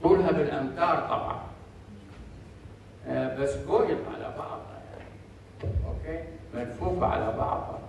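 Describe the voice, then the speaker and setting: A male university lecturer mixing languages, speaking English slowly and deliberately and quizzing his students with quick asides. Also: on the high side, vocal fry. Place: lecture hall. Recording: echoey far-off room recording with faint noise.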